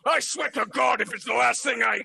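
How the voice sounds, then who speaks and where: A man's voice: extremely high pitch, fairly quick, creaky, pushed and bright, voice pushed up, full character voice. A man voicing a proud, threatening giant flame dragon in a tabletop game.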